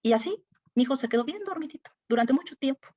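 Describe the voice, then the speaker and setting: A woman's voice: high voice, animated, quick pace, dark tone, dull audio. A middle-aged woman, sharing a personal faith testimony in a Bible study class, earnest and emotional with many fillers.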